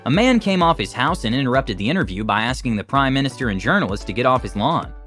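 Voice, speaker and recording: A man's voice: mid-range voice, sing-song, quick pace, a bit bright. A man reading scripted narration for a video compilation in an explanatory, lightly wry way. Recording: background music under voice. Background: music.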